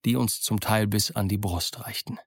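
A man reading an adventure novel aloud in calm, measured first-person narration. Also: on the low side, no echo, clean studio sound. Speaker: audiobook narrator.

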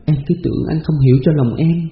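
A man's voice: fairly high pitch, steady tone, brisk, pitched above the performer's own voice, lightly acted. A man reading aloud who voices a grieving young village woman, pleading through sobs. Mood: sad. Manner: sobbing, pleading delivery. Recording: roomy, dull lo-fi recording with faint hiss.

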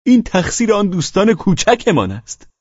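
Male narrator doing a nervous, fawning middle-aged drinker, high and husky, dull lo-fi audiobook sound. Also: big pitch swings, a little mellow, no echo. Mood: effusive. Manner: pleading, stammering and high-strung. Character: fawning, anxious, tipsy middle-aged man. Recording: dull lo-fi recording.

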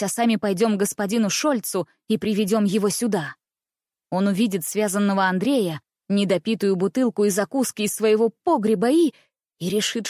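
A woman's voice: medium pitch, mellow, no room sound, lightly acted. Brief: bossy plotting young man, read by a woman, giving orders, close dry sound. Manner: commanding, plotting. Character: scheming bossy eldest brother, young man.

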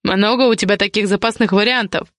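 A woman's voice: steady tone, a bit bright, dry recording, studio quality, lightly acted. A woman reading the lines of an angry, possessive man, a domineering guardian, with curt commands. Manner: curt, commanding, low and slow.

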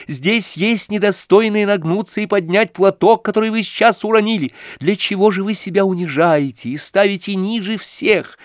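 A man's voice: high voice, no echo, voice pushed up. A man voicing a proud young woman, indignant and close to hysteria, with passionate outbursts.

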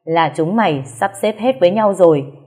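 A woman voicing an angry, stern middle-aged father who shouts and scolds. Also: fairly low pitch, expressive, normal speed, slightly rough. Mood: furious scolding.

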